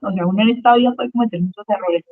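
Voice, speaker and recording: A woman tells her personal faith testimony as a guest, earnest and emotional, often repeating a phrase to make it land. Her voice sits at a medium pitch. The sound is narrow and tinny, as if carried over a phone line. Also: racing. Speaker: guest giving a religious testimony.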